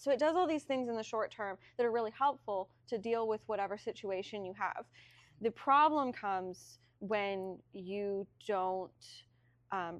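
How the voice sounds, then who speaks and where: Calm young woman explaining clearly. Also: mid-range voice, no room sound. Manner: calm, explanatory, frequent ums. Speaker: guest. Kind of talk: explaining in a podcast conversation.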